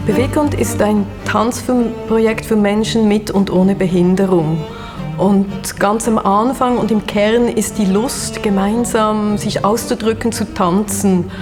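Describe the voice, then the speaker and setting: A woman who is artistic director of a dance project, talking deliberately in an award portrait interview. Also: medium pitch, fairly even intonation, music in the background.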